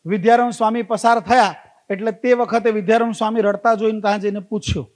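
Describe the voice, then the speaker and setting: Guy with a really high voice giving a pep talk to a community crowd, tells stories, keeps repeating lines and asking the room questions. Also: fairly even intonation, quick pace. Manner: storytelling with rhetorical questions to the audience; repeats key phrases for emphasis. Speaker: invited speaker. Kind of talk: motivational talk to a community gathering.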